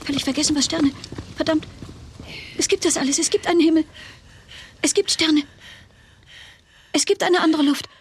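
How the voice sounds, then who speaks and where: A woman's voice: sits high, normal speed, pauses often, a little hiss or hum. An actress playing a young woman fleeing a hijacked plane, speaking her thoughts in a breathless, broken inner monologue. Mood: awed. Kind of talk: radio drama inner monologue.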